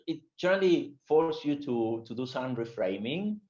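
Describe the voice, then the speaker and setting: A man with a strong Spanish accent giving a webinar talk as guest speaker, animated and full of fillers and restarts. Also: medium pitch, normal speed, dull audio. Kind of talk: webinar presentation.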